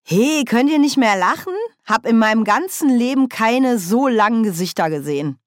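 Nanny Ogg, a woman doing a loud jolly old witch. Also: on the high side, expressive, normal speed, no room sound, clean studio sound, pitched above the performer's own voice, natural voice. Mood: merry. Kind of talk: audiobook character voice.

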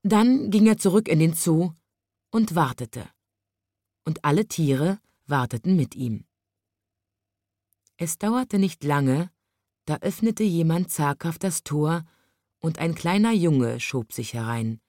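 A woman reading a children's story aloud in an expressive, lively way. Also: deep voice, takes it slowly, pauses often, dry recording, clean studio sound.

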